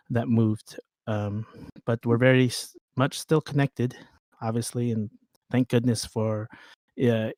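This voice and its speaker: An easygoing American man co-hosts a casual chat in a mid-range voice. His speech halts often and is filled with pauses and fillers, and the sound is dry and close. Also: mid-range voice, a little mellow, no room sound. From United States. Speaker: co-host.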